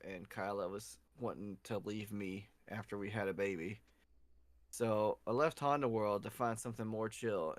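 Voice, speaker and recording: A young man co-hosting a casual podcast, telling animated stories and cussing freely. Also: lowish voice, no room sound. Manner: animated storyteller, cusses freely, acts out quotes. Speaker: podcast co-host. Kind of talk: casual drunken storytelling chat.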